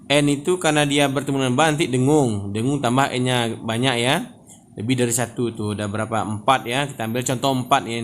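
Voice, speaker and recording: A man teaches Quran reading in a patient, repetitive lesson style. He addresses his listeners often and stretches the example words out slowly. A faint hiss sits behind the voice. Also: mid-range voice. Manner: patient, repeats "Bapak dan Ibu, ya" often.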